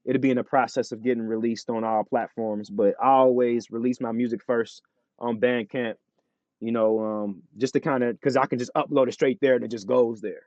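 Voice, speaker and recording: A man's voice: mid-range voice, steady tone, moderate pace, a little mellow, no room sound. Laid-back man, muffled dry sound. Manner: laid-back, peppers speech with "like, you know what I'm saying". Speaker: rapper guest. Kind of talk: casual interview chat.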